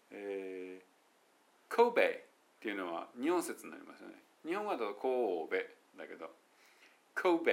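Speaking with a Kansai Japanese accent, this man gives a laid-back, talkative English pronunciation lesson by himself, carefully drawing out English words as examples. His lowish voice has a creaky quality.

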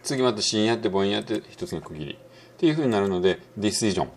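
A middle-aged man with a Kansai Japanese accent gives a casual spoken lesson on English pronunciation. He muses along with many fillers and slows right down to demonstrate words. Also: fairly low pitch, animated, slight background noise.

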